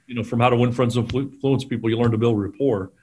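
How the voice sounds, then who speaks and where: Lively middle-aged man telling sales stories. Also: mid-range voice, very fast. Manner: animated storyteller, acts out quotes, laughs often. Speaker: guest, sales trainer. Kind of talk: conversational storytelling interview.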